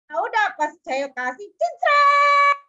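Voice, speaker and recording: A woman preaching a sermon, telling personal stories in a lively way and acting out quoted voices. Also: very high-pitched, moderate pace, lo-fi sound. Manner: lively storytelling, acts out quotes.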